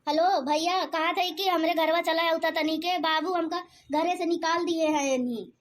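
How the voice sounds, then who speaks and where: A very high, squeaky cartoon voice of a meek young wife, as a performer puts it on, pleading in Awadhi. Faint background hiss sits under the voice. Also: fairly even intonation, moderate pace, fairly bright tone. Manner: pleading, tearful. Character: meek young daughter-in-law turned out of her home. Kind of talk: cartoon comedy voice acting.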